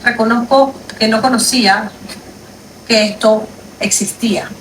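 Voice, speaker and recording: A woman's voice: on the high side, fairly even intonation, unhurried. A woman lawyer, making an indignant, emphatic livestream statement from a street at night, repeating her points. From Panama. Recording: echoey, distant from the mic, faint background noise.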